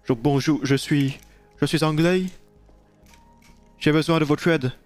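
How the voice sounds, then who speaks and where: A man's voice: fairly high pitch, fairly even intonation, a little slow, soft background music, natural voice. A French-speaking man doing a comic Englishman, speaking with a playful, hammed-up mock English accent. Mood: hammy.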